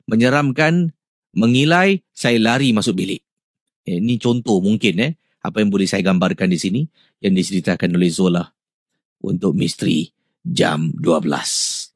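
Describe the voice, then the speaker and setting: A man hosting a radio show, reading out listener ghost stories in an animated, suspenseful way. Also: moderate pace, no echo, clean studio sound. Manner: animated, with sudden rises in pitch and loudness for suspense.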